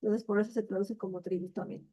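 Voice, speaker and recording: A woman's voice: mid-range voice, fairly even intonation, fast talker, lo-fi sound. A native Spanish-speaking woman from Latin America who teaches Arabic vocabulary, thinking aloud and checking in with her listeners. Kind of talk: explaining Arabic vocabulary in a lesson.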